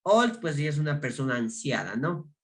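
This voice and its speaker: A man's voice: on the high side, sing-song. A man with an Ecuadorian Spanish accent teaching an online English class, reading each English word aloud and explaining it in Spanish. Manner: slow, explaining in Spanish and modeling English words.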